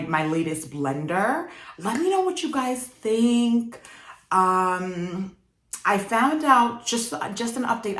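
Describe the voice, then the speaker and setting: Her voice sits fairly low in pitch yet has a fairly bright tone. She is a young fashion vlogger, originally from Jamaica and raised in New York, talking casually to camera with frequent laughs and fillers in an echoey room.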